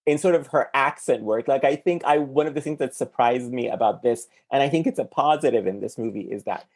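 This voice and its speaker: A man's voice: mid-range voice, fairly quick, darkish tone. A man hosting a podcast, talking about a film in a casual, thinking-aloud way with many fillers. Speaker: podcast host.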